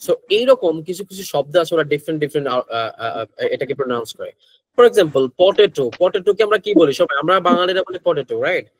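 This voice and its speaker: Speaking fast and animated in a slightly high voice, this Bangladeshi-accented man runs an online English pronunciation lecture. He switches between Bengali and English phrases and keeps quizzing his students, though the recording quality is poor.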